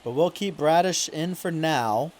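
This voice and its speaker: A man giving casual play-by-play commentary over his video game, mostly relaxed and now and then complaining loudly about calls. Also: on the high side, measured pace, a little hiss or hum. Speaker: gaming YouTuber.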